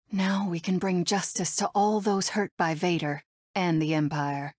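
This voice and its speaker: Princess Leia, resolute rebel leader played by an actress, close and dry. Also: female voice, fairly low pitch, a little mellow, dry recording, close to an everyday voice. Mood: earnest. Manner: crisp, assertive, dryly sardonic delivery. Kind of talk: video game character voice clips.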